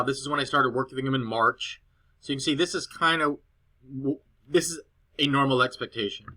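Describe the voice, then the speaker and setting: Recorded on a cheap laptop inside his girlfriend's house, this SEO consultant's screen-recorded walkthrough of a client report is loose and a little rambling, full of fillers and restarts. He has a mid-range voice with a bright, forceful tone.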